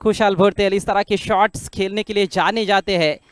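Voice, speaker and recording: Male sports voice: excited cricket commentary, high and very clear, close dry sound, exclamatory on big hits. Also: brisk, dry recording. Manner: exclaims at big shots, voice rising sharply.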